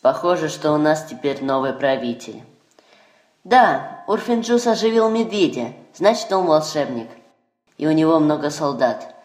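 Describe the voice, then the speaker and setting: A man's voice: a little high, sing-song, normal speed, echoey room. A man playing an anxious, deferential villager who urges obedience, in a fairy-tale audio drama. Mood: resigned, anxious. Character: anxious submissive male villager urging obedience to new ruler.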